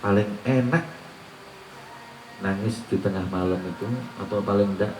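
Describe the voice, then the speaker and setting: The man is a preacher giving an Islamic sermon, his lowish voice steady and a little mellow at normal speed. He alternates Arabic recitation with everyday teaching and puts rhetorical questions to the listeners. The mic is distant, leaving his voice off-mic in roomy echo with slight background noise.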